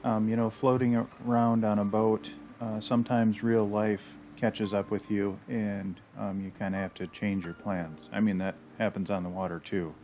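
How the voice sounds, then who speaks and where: A man's voice: fairly low pitch, little pitch movement, moderate pace, hardly any pauses, mellow, a little hiss or hum. A man narrating his sailing vlog at home, chatty and rambling with plenty of fillers and self-deprecating asides. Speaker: sailing channel host. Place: house full of dogs.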